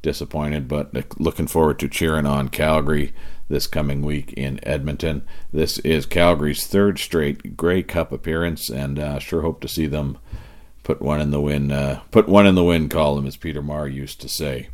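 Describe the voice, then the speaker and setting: A man with a Canadian accent and a raspy whiskey voice, hosting a podcast in casual, folksy talk. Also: rumbling low, fairly even intonation, moderate pace, a little mellow. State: raspy from cheering at a game. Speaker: podcast host.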